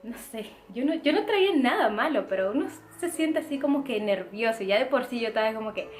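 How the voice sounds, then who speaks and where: A young woman with a slightly raised voice tells a chatty, expressive story with plenty of fillers. Her is clear, the room sounds echoey, and soft music plays underneath. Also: a little high, brisk. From Dominican Republic. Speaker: vlogger. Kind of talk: casual storytime.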